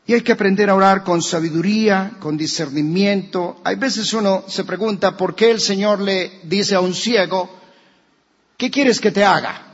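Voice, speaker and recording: A Colombian man preaching a sermon as a pastor, animated, acting out quoted voices and rising at times to shouts. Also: sits high, moderate pace, in a large hall, dull audio. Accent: Colombian Spanish. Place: church.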